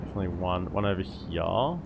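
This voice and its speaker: Low-voiced man commentating a strategy game. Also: lively intonation, brisk, creaky, noisy background. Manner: thinking aloud, answering viewer comments. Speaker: gaming streamer. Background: game music.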